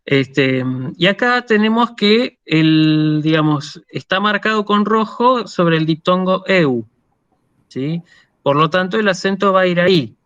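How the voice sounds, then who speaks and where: A man's voice: high voice, a little slow, fairly bright tone, smooth, no room sound, muffled recording. A man with an Argentine Spanish accent gives a university lecture over a video call, explaining patiently and often checking that students follow. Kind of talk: online lecture.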